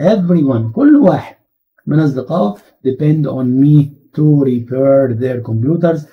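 Male English teacher, Egyptian Arabic accent, medium voice, lo-fi recording, animated and full of rhetorical questions. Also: medium pitch. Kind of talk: exam-prep grammar lesson.

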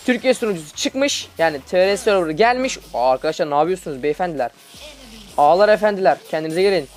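A young man, a student, giving excited live commentary over his own mobile gameplay, chatty and teasing his teammates. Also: high voice. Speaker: gaming video host.

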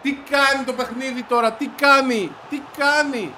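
A man with a stuffy, congested voice giving excited commentary as he plays a football video game, shouting and grumbling at the match. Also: very high-pitched, slight background noise. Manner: shouts and yelps at the game, frustrated outbursts. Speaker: gaming video creator.

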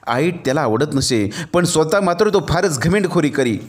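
A man narrating a novel as an audiobook, telling the story in an expressive way. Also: fairly high pitch, normal speed. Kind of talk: dramatic novel reading.

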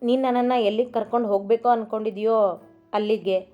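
A woman's voice: on the high side, fairly even intonation, quick pace, natural voice. A woman doing a curt, teasing young husband. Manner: terse, offhand replies. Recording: dull recording with soft music.

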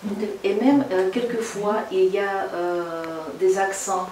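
A woman, a translator giving a halting reading talk full of fillers. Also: mid-range voice, fairly even intonation, a little mellow. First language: Russian. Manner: slow, halting, with many fillers. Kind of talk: reading talk with audience questions. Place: reverberant room in a château. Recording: echoey room, distant mic, faint noise.

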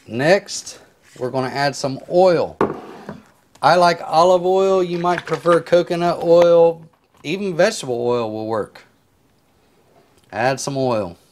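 Relaxed man explaining a home recipe. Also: a little high, slow pace, long pauses. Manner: relaxed, rambling step-by-step explanations with filler words. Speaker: home cook. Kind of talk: casual cooking tutorial. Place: home kitchen, indoors. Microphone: clip-on lapel mic.

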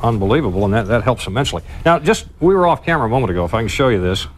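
Upbeat male news host, quick and lively, interviewing a guest in a studio. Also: medium pitch, a little hiss or hum. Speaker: TV news anchor. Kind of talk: broadcast interview. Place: TV cooking studio set.

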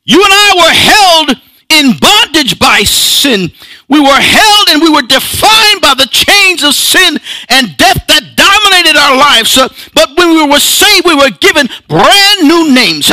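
High, bright-voiced preacher man. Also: no room sound, poor audio. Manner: rising to a chanting, breathy "huh" cadence; plain and measured when reading scripture. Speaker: pastor. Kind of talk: sermon. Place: church sanctuary.

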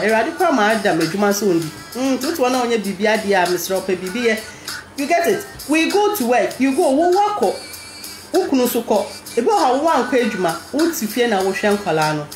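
Ghanaian woman, thirties, emphatic informal adviser; highish voice, music clearly playing behind. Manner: emphatic, teacherly, with rhetorical question tags. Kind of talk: informal advice talk to camera. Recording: echoey small room, music behind.

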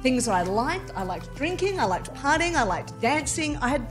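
A woman's voice: sits high, very animated, normal speed, over music. Chatty woman guest in a studio. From Vietnam, raised in Australia. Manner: chatty, self-mocking, laughs often. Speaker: guest, journalist. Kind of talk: casual interview chat. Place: studio with neon-lit backdrop. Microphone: studio mic on boom arm.

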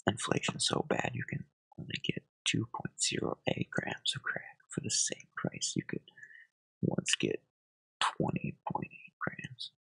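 A soft-spoken ASMR host in close-mic whispers, reading satirical headlines and adding dry deadpan asides. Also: mid-range voice, a little slow, creaky, husky, poor audio. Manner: reads headlines, then adds wry deadpan asides.

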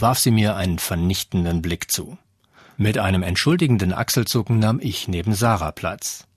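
Brief: male audiobook narrator, low and husky, steady measured reading. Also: no echo, clean studio sound. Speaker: audiobook reader. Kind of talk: scripted narration.

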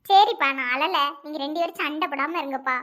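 A woman's voice: sits high, brisk, a bit bright, voice pushed down. Woman doing a pleading little child. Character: upset young child tired of parents' fighting.

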